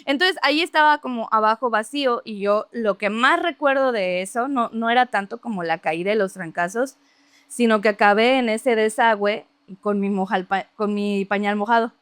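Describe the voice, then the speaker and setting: A woman telling a story from her childhood in casual, lively conversation, laughing often and imitating other people's voices. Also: on the high side, normal speed, clear, resonant tone, dry recording. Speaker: podcast guest.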